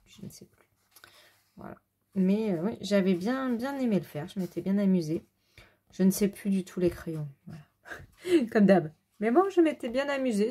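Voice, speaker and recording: Mellow-voiced woman chatting casually. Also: on the low side, breathy edge. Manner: chatty, rambling, many fillers and self-corrections. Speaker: adult coloring hobbyist. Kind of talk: casual show-and-tell.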